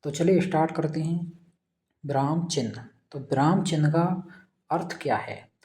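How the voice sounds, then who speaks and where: A man's voice: on the high side, normal speed, a little mellow. A man teaching a recorded exam-prep lesson, posing his own quiz questions and answering them, repeating key points. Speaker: Hindi teacher.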